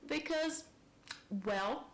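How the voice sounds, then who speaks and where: A Brazilian woman in her thirties rambles through a personal vlog at home, thinking aloud in English, her second language, with a heavy Brazilian Portuguese accent. Her voice is high-pitched and expressive, and she draws out her words.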